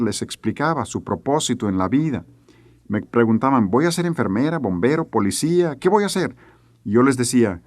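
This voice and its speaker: A man's voice: mid-range voice, no echo. A middle-aged man teaching a sermon, telling a family story earnestly and acting out the voices he quotes. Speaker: preacher.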